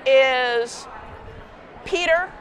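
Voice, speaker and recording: A woman's voice: high voice, extremely slow, fairly bright tone, a faint crowd. A woman from Oklahoma giving cheerful, brief answers as a fan. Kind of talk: casual interview.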